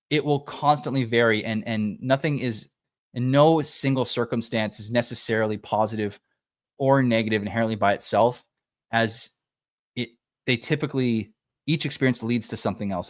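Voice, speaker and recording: A man's voice: medium pitch, no echo, studio quality. A man hosting a casual livestream, musing thoughtfully and rambling with fillers and restarts. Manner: rambling, with many fillers and self-corrections. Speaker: livestream host. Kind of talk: casual reflective livestream talk.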